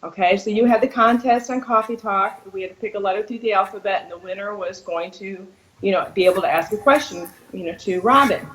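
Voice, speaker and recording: A woman guest co-host telling stories in a lively, laughing way. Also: medium pitch, fairly quick, reverberant, rough recording. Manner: animated, laughing storyteller. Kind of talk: casual chat.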